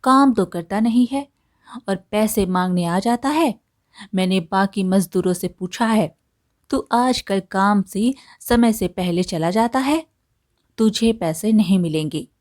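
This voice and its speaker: A woman's voice: medium pitch, slow, a little mellow, dry recording, studio quality, lightly acted. A woman voicing an arrogant middle-aged male landlord who scolds with contempt, in a storybook tale. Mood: angry.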